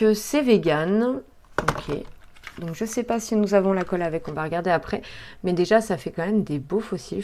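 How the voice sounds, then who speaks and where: A woman's voice: medium pitch, background noise. A woman, chatting casually as she unboxes makeup, with frequent hesitations and fillers. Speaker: beauty vlogger.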